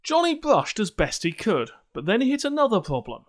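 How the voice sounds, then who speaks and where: A man's voice: sits high, wildly swooping pitch, brisk. A man reading scripted comic narration in a dry, mock-dramatic way.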